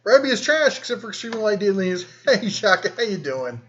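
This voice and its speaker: A man's voice: sits high, very animated, fairly quick, a bit bright, dull audio. A man hosting a casual live stream, reading and answering viewer comments in a rambling, easygoing way. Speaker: host.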